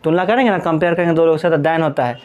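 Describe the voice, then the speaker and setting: Patient male teacher, fairly high voice. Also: fast talker. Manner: patient, repeats points, checks in with "ठीक है"; addresses students fondly as "Babu". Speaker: English teacher. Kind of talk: Hindi-language grammar lesson at a board.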